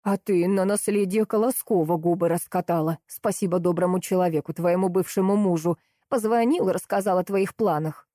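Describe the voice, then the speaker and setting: A woman reading an audiobook, voicing a cruel, greedy older woman who speaks slowly and with cold contempt. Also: fairly low pitch, dark tone, no room sound, clean studio sound, natural voice. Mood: contemptuous. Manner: contemptuous, slow and hissing.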